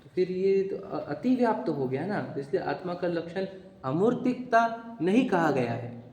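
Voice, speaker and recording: A man's voice: high voice, big pitch swings, normal speed, darkish tone. A man teaching a philosophy class, quizzing students and asking again and again whether they understood. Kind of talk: interactive religious philosophy class. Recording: echoey hall.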